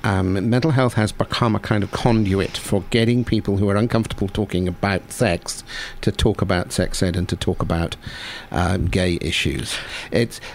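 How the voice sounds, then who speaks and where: A man co-hosting a live radio panel chat, measured and wry as he steers the discussion. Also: deep voice, fairly even intonation, creaky, a little hiss or hum. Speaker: radio co-host.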